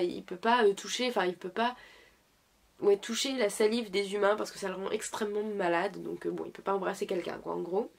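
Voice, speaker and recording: A young woman talks casually to her viewers while sick, pausing often to search for words. Her voice sits at an ordinary pitch but carries a gravelly, creaky fry. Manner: hesitant, many fillers and restarts. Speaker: YouTuber reviewing dramas. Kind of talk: casual chat.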